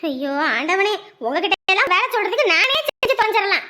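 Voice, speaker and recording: Brief: woman as a high, sharp-voiced, fast-nagging mother-in-law. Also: very animated, heavily acted. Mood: scolding. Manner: shrill, nagging. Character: loud scolding older mother-in-law.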